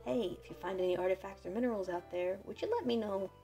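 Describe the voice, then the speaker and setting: A woman's voice: mid-range voice, quick pace, mellow, faint music behind, close to an everyday voice. A woman voicing a polite, earnest male museum curator from a video game. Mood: welcoming, earnest.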